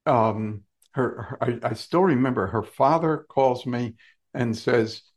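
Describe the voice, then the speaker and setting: A man, a guest author, telling a story in a lively, emphatic way with blunt, salty asides. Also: medium pitch, slow pace. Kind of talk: conversational storytelling.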